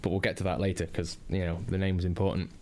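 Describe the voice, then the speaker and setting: A man's voice: low-pitched, flat delivery, fast, mellow. A man with a Northern English accent giving a casual, rambling spoken TV review, full of fillers and restarts. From Northern England.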